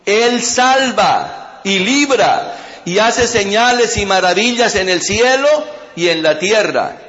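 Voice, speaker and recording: A man preacher voicing King Darius as a grave monarch who speaks in solemn, measured words. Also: high-pitched, expressive, a bit bright, dull audio, full character voice. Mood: proclaiming. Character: King Darius, an anxious then awed monarch.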